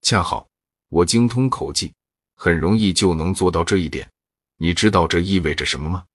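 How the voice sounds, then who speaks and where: A sly, clever young man, as a storyteller puts him on, talking in a relaxed, probing way. The voice sits low and husky, recorded dry and close in an audiobook. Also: moderate pace, dry recording. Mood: knowing.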